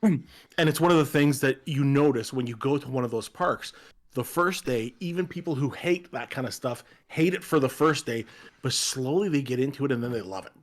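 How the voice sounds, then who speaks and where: A man's voice: medium pitch, brisk. A man who is a guest on a stream, chatting casually, joking and telling stories about friends. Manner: chatty, jokey, storytelling. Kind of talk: casual chat.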